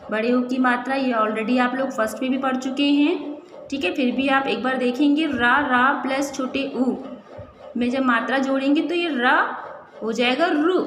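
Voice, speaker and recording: A woman teaching a primary school Hindi class, sounding out words slowly syllable by syllable and asking and answering her own questions. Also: high-pitched, fairly bright tone. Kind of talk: classroom lesson, slow syllable-by-syllable drilling. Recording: echoey room with faint ambient noise.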